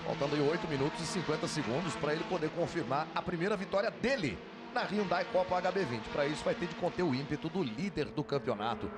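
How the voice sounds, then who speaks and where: Higher-voiced Brazilian man calling a race. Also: fast. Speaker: motor race commentator. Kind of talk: live sports commentary. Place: commentary booth at a racetrack. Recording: loud engine and trackside noise behind. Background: loud car and outdoor track noise.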